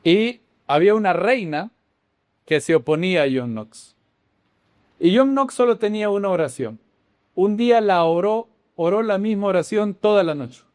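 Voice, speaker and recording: A male Bible teacher, preaching in an animated way. His pitch climbs and falls across a wide range and sits a little above the usual for a man. The sound is close and dry, with no room echo. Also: moderate pace. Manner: animated, with sudden swings between loud exclamations and hushed dramatic lines; asks the audience questions. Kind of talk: sermon-style teaching.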